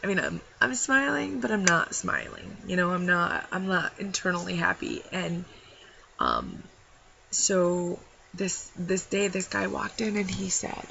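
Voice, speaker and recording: A woman's voice: fairly low pitch, very animated, a little slow, vocal fry, pushed and bright, muffled recording, a little hiss or hum. A young woman talking personally to the camera in a rambling, heartfelt way, with many fillers. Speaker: vlogger.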